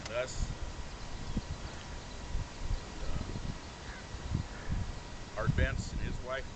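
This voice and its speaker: An older American man giving an informal graveside eulogy, reminiscing plainly in short, halting phrases. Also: mid-range voice. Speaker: eulogy speaker, friend of the deceased. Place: outdoors at a graveside. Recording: very noisy outdoor recording.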